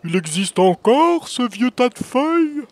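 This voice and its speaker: A man voicing a big, casual, evasive male moose with a deep, drawling voice in a children's audio story. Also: animated, takes it slowly, a little mellow. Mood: easygoing.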